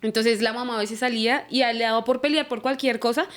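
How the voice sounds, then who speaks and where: A woman's voice: fairly high pitch, quick pace. A young woman from Colombia, giving a church podcast testimony and acting out the dialogue she recalls. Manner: animated, acts out quoted dialogue. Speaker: guest.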